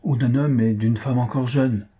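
A man's voice: medium pitch, steady tone, normal speed, mellow, slightly rough, pitched above the performer's own voice, close to an everyday voice. Man putting on a needling society gossip lady. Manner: needling, indignant questions.

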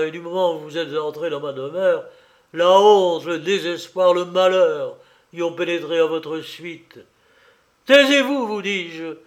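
A man's voice: sits high, voice pushed up. A man voicing a grieving, wrathful old farmer in a storybook reading, with a quavering voice and bitter, commanding outbursts.

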